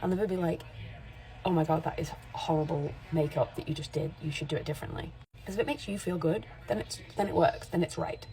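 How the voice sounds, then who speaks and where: A woman's voice: low voice, fast talker, mellow, rough recording. A woman in her forties, a makeup artist, talking candidly and rambling a little in a casual vlog straight to camera. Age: 40s. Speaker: makeup artist and content creator.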